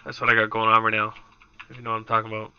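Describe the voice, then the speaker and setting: A man's voice: lowish voice, completely flat delivery, racing, clear, resonant tone, dry recording, highs cut off. A man streaming a game live, chatting casually and swearing freely with his friends. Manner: loose, profane, chummy banter.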